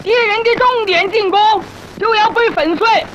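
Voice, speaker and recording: Rousing army commander, solemn declamatory film oratory, extremely high voice, muffled vintage soundtrack with faint noise. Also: moderate pace. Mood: rousing, resolute. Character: resolute revolutionary army commander rallying troops and villagers.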